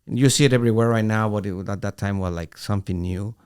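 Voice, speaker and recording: A man's voice: lowish voice, clear, resonant tone. Middle-aged man telling a story. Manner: animated, acts out quoted voices, halting restarts. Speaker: podcast co-host. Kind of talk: casual storytelling chat.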